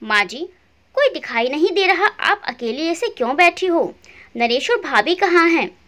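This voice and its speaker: A woman's voice: very high voice, sing-song, unhurried, a bit bright, pitched above the performer's own voice, heavily acted. A polite, caring son-in-law, as a woman reads him. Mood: concerned. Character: kind, respectful son-in-law, concerned.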